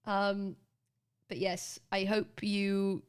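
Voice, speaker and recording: Speaking extremely slowly and flatly, a British livestreamer chats and rambles with viewers, cursing freely and frequently starting her sentences over. Her voice is smooth and medium in pitch.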